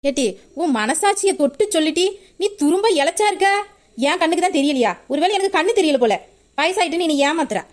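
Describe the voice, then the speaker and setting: A woman plays a sharp-tongued mother. She fires back fast, bantering retorts. She mocks her daughter with good-natured sarcasm. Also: extremely high pitch, lively intonation. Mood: mock-offended.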